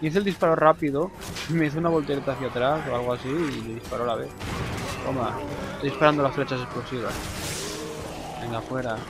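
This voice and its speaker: A man's voice: mid-range voice, fast, long pauses, poor audio. Swearing Spanish man commentating a game. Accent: Spain Spanish. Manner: swears often, excitable exclamations. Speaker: gameplay commentator. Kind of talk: casual gameplay commentary. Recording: game music behind voice.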